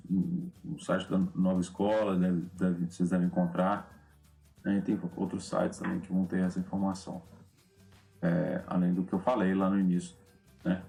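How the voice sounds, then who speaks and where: Brief: Brazilian man, deep-ish voice, teacher explaining grammar loosely, lots of "né?", soft music under. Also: gravelly. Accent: Brazilian Portuguese. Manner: loose, repeats words, often adds "né?". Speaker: English teacher. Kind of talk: recorded lesson explaining grammar.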